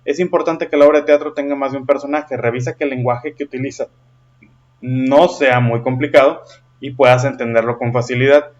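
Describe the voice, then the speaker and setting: Speaking a little fast in a steady, mid-range voice, a man works through a lesson with patience. He checks in often by questioning his listeners. The audio comes across slightly dull.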